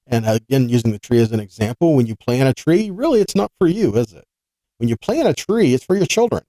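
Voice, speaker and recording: In his weekly scripture study, a Bible teacher speaks conversationally and earnestly, like an informal sermon, with rhetorical questions, repeated points and check-ins with listeners. He has a warm, medium-pitched voice, captured in a dry, low-quality recording.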